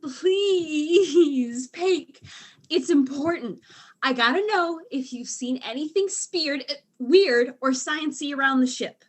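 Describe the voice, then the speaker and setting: A woman's voice: high voice, animated, takes it slowly. A woman voicing a tipsy, flustered female alien diplomat who is secretly a spy, in a student audio drama, rambling and tripping over her words. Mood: panicky.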